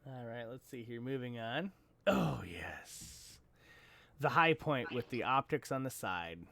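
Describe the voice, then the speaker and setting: A man's voice: medium pitch, lively intonation, moderate pace, pushed and bright, no echo. A man hosting a casual live stream, joking about pictures and reading out chat messages. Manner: joking, amused, reads chat aloud. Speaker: show host. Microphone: desk microphone.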